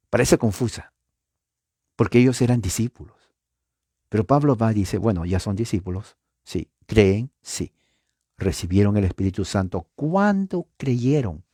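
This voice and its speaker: Lively, husky-voiced male preacher. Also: measured pace, clean studio sound. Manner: animated, pitch jumps up for emphasis and acted-out echoes; addresses listeners with rhetorical questions. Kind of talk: Bible teaching sermon.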